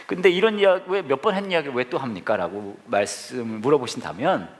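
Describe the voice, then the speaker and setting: Male pastor, playful storyteller in the pulpit, fast, animated delivery. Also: medium pitch. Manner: humorous storytelling with asides to the congregation. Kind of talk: sermon.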